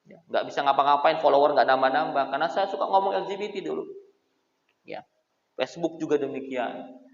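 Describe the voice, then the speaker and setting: A man preaching a lively sermon, joking with his audience and calling out to them directly. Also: fairly high pitch, brisk, gravelly. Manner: animated, jokes with the crowd, addresses them as Pak. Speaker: Islamic preacher. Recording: echoey, dull hall recording.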